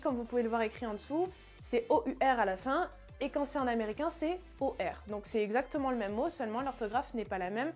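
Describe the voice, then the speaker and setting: High-voiced woman teaching English. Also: darkish tone. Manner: chatty, with fillers and restarts, repeats example words. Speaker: English teacher, channel host. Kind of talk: explanatory online lesson.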